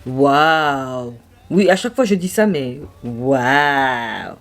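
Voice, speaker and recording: A woman's voice: rumbling low, lively intonation, very slow. A young woman vlogging makeup swatches, gushing and exclaiming over each shade in casual chat. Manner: gushing, exclamatory, marvelling aloud. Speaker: beauty vlogger.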